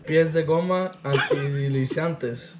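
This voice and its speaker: A young man chatting with a friend on a vlog, playfully hamming it up as a mock product pitchman. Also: unhurried, background noise. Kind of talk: casual chat.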